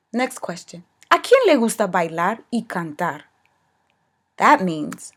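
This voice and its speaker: A young woman teacher giving a recorded lesson, explaining clearly and checking in with "okay" as she goes. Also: mid-range voice. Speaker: Spanish teacher.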